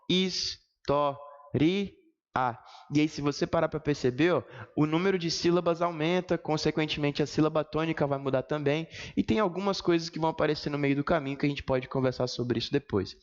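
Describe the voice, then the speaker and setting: Brazilian man teaching in an echoey room. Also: on the high side. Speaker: Portuguese grammar teacher. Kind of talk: exam-prep lesson explanation. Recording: reverberant room, dull lo-fi sound.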